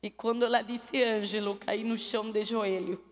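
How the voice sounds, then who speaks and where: A woman's voice: medium pitch, fairly even intonation, moderate pace. A woman telling her testimony in a church, making earnest, pleading appeals to the listener. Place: church hall. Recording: long church hall reverb.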